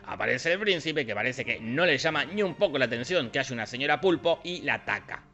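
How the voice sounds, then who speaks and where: Irreverent bright-voiced Rioplatense narrator. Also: male voice, mid-range voice, fairly quick, dull audio, soft background music. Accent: Rioplatense Spanish. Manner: irreverent, slangy, deadpan. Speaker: host summarizing films. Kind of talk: comic movie recap narration.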